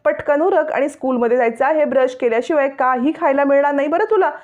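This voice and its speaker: A woman voicing a gentle young wife who coaxes and mildly corrects a little girl, reading her lines in a recap. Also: high voice, quick pace, muffled recording, voice pushed up, close to an everyday voice. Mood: coaxing. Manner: coaxing, mildly firm.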